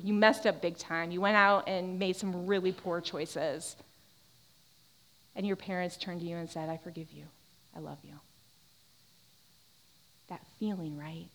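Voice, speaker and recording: Animated young woman teaching the Bible. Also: fairly low pitch. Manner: animated, conversational, acts out quoted reactions.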